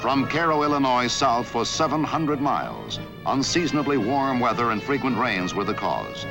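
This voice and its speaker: Male narrator, historical newsreel documentary, measured and authoritative, mid-pitched, prominent music behind. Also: wildly swooping pitch, vocal fry, low-quality recording. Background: background music.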